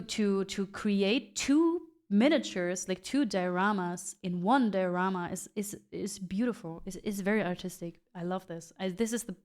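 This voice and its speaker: A woman hosting a casual reaction video, excitable and gushing, stammering as she searches for words. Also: medium pitch.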